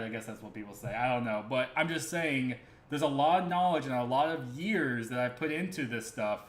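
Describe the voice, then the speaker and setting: Medium in pitch, this earnest crypto livestream host rambles casually, looping back with filler words and correcting himself. The echoey room gives his voice a ring, with a faint hum underneath.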